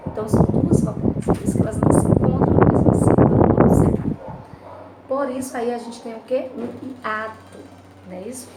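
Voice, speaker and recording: A Brazilian woman teaching a remote lesson at home, her voice pitched a little high as she patiently walks students through an exercise, slowing down on each syllable. She sits some way from the mic in a roomy space, with loud constant noise behind her. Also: steady tone, recorded from a distance. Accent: Brazilian Portuguese. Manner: patient, checks in with tag questions, spells out syllables slowly. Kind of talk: remote class lesson, explaining grammar exercises. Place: home room, recorded for a remote class.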